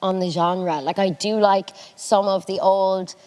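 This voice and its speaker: A woman's voice: medium pitch, fairly even intonation, unhurried, darkish tone. Young female podcaster, west of Ireland accent, chatty and self-deprecating, recorded in a reverberant room. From Galway, west of Ireland. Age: early 20s. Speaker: student podcast co-host. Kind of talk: casual chat.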